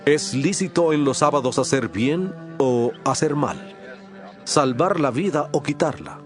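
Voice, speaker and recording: An actor playing Jesus as a calm, authoritative teacher and healer, speaking with solemn emphasis in a dramatized scripture reading. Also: male voice, medium pitch, measured pace, natural voice. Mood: firm, questioning. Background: background music.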